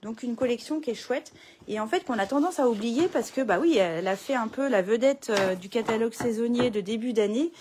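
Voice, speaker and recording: A woman's voice: fairly high pitch, expressive, fairly quick, darkish tone, slight background noise. A middle-aged woman, chatting casually through a papercraft tutorial from her home craft room, full of fillers and restarts.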